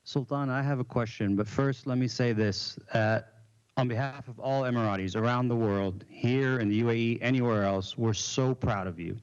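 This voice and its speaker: Male diplomat, mid-pitched, formal, deliberate, emphatic repetition, dull lo-fi sound. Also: smooth. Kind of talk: formal congratulations and question to a guest.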